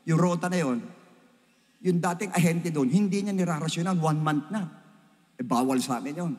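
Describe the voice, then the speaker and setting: An older man, a pastor, giving a Father's Day sermon as a story, swinging between loud emphatic peaks and low hushed asides. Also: moderate pace. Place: church hall. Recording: reverberant church hall.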